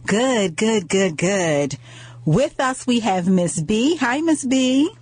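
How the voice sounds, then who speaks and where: A woman hosts a radio talk show in an upbeat, chatty way. She repeats words and fills gaps with little sounds. Her pitch sits in the middle range. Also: expressive, takes it slowly, a little mellow, slightly rough, no room sound.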